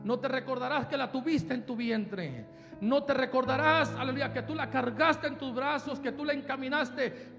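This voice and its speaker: High, gravelly preacher man over piano. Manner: swings from hushed pleading to fervent shouting. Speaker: pastor. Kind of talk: Pentecostal-style sermon. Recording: live church hall with piano behind.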